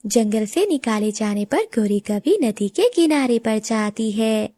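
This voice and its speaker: A woman narrating a children's cartoon story in a measured storytelling manner. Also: a little high, lively intonation, mellow, no echo.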